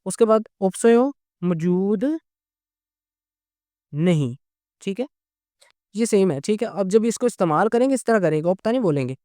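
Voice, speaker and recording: A man's voice: high voice, lively intonation, moderate pace, pauses often, dark tone, no room sound, clean studio sound. A man teaching a grammar lesson, explaining patiently and checking in with "okay?" after nearly every point. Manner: patient, repeats "okay?" often. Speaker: language teacher.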